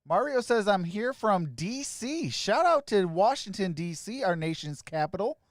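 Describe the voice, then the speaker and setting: A man hosting a sports live stream, casually greeting viewers by name and giving shout-outs as he reads their comments. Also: sits high, sing-song, unhurried, no echo, clean studio sound.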